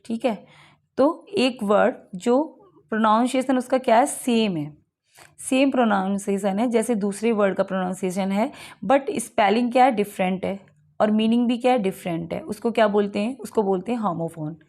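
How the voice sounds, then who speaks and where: A woman teacher explaining English literary terms for an exam, reading definitions slowly and then going over them in mixed Hindi and English with lots of rhetorical questions. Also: mid-range voice, darkish tone.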